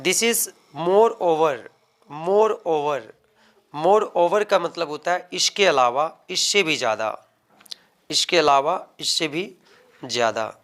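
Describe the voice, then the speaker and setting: Vocabulary teacher, man, slightly high voice, stretches words slowly for learners. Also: expressive, fairly bright tone. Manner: slow, drawn-out word drills with Hindi explanations. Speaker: English teacher. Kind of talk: vocabulary lesson.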